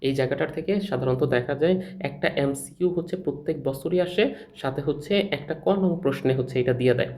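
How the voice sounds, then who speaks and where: A man's voice: medium pitch, quick pace, dark tone, slight background noise. A young man teaching a recorded lecture over slides, explaining in a colloquial way and asking and answering his own questions.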